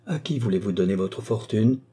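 A man's voice: lowish voice, expressive, normal speed, mellow, breathy edge. A man voicing an earnest, formal middle-aged notary who speaks in careful legal phrases. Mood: insistent.

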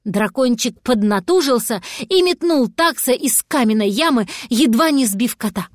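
A woman narrating a children's story aloud in a lively, expressive way. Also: a little high, normal speed, no echo, clean studio sound. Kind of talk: storybook reading.

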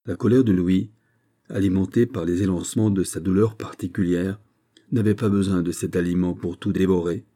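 A man reading a classic novel aloud as an audiobook narrator, in a measured, steady way. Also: low-pitched. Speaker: audiobook reader. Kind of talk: scripted narration.

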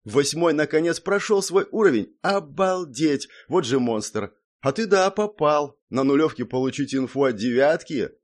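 A man's voice: mid-range voice, expressive, natural voice. A man reading an audiobook, voicing a brash, teasing young blonde woman who snorts and scoffs. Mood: excited, scoffing. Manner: snorting, exclaiming, quick to scoff. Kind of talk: audiobook character voice.

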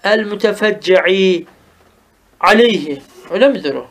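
High-voiced man teaching Arabic grammar. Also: fairly bright tone. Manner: explains line by line, often asks "tamam mı?"; reads Arabic text slowly and acts out mourning cries. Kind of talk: traditional madrasa lesson.

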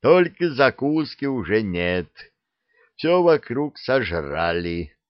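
A man's voice: mid-range voice, sing-song, slow pace, no room sound. A man voicing a boisterous, guffawing three-headed dragon uncle in an audiobook. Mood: bickering. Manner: guffawing, boisterous, bickering heads. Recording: dull lo-fi recording.

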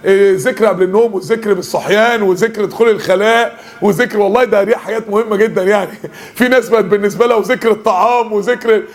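A man with an Egyptian Arabic accent preaches in a mosque lesson. His voice sits very high and he talks fast. He jokes and keeps asking the crowd questions. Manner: lively, joking, asks the audience questions.

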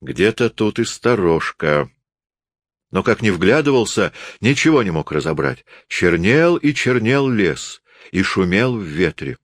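A man reading a novel aloud as an audiobook narrator, in an expressive storytelling manner. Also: lowish voice, a little slow, no echo, clean studio sound. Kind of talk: scripted literary narration.

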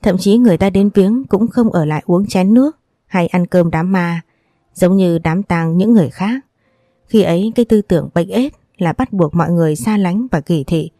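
A woman narrating a first-person audiobook story in a steady, sorrowful reading voice. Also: fairly low pitch, dry recording, clean studio sound.

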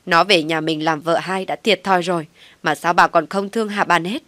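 A woman's voice: fairly low pitch, steady tone, normal speed, no echo, lightly acted. A woman voicing an older man who scolds his wife in a roaring voice. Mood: furious. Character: furious old father-in-law, man shouting.

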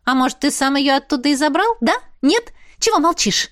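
A woman voicing a mocking teenage girl, high and loud. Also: a little fast. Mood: teasing. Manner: exclaiming, mocking, high and animated. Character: teasing, lively teenage girl, sharp-tongued younger sister. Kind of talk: audiobook character voice.

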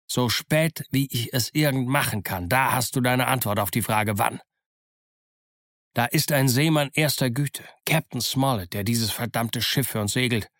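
A man's voice: mid-range voice, fairly bright tone, no room sound, studio quality, close to an everyday voice. A man voicing Long John Silver, a sly boastful old pirate. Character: cunning boastful older male pirate cook.

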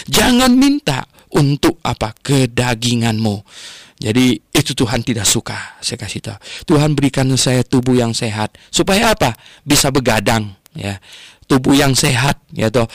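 An older man delivering a radio sermon in a dry, close studio sound. His delivery is animated, with sudden leaps up in pitch as he tells stories and presses his points. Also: dry recording. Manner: animated storytelling, rising sharply in pitch. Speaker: radio Bible teacher.

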